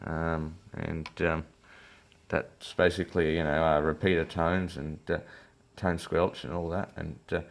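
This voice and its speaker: A man with an extremely low, creaky voice speaks a little slowly and barely moves his pitch. He's an electronics repair hobbyist giving a casual, unscripted walkthrough, hesitating and rambling as he thinks out loud, recorded on a phone filming his workbench.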